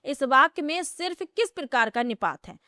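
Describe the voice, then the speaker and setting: A woman teacher with a high, bright voice takes her students through a grammar lesson for an exam. She explains each point step by step and keeps asking rhetorical questions, which she then answers herself. The recording is dry and close, with no room echo. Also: expressive, moderate pace.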